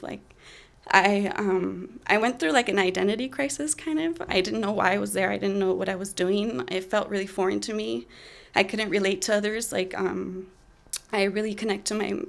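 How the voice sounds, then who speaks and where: A young woman in her twenties telling a personal story in a candid, halting way with many fillers. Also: medium pitch, vocal fry. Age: 20s.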